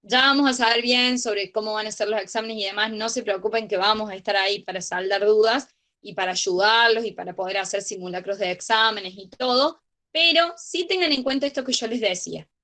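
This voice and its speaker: A woman's voice: on the high side, fairly bright tone. A young woman with a Rioplatense accent teaching an online grammar study group, patient and checking understanding often. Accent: Rioplatense Spanish.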